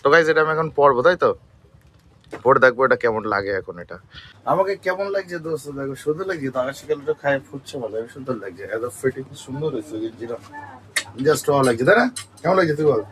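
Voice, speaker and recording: A hoarse young man with a cold, vlogging from home on a phone and chatting straight to his viewers. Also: medium pitch, animated, quick pace, fairly bright tone, a little hiss or hum. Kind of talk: casual daily vlog. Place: at home, indoors.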